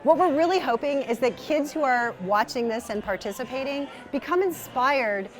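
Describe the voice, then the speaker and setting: A woman's voice: high-pitched, animated, normal speed. A woman giving promotional interview remarks as a spokesperson.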